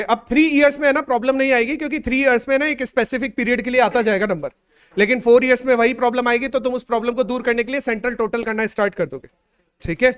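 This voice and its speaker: High, clear-voiced male teacher. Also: fairly bright tone. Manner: conversational, repeats phrases, checks in often; dictates numbers slowly, trailing off. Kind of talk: classroom lecture.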